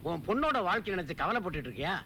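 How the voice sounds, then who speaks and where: A teasing, worldly friend in a film comedy, with a fairly high, bright voice full of wisecracks. Faint noise sits under the film sound. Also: male voice, sing-song, rapid-fire, exaggerated voice. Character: teasing, worldly male friend, jokey and nosy. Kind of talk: Tamil film comedy acting.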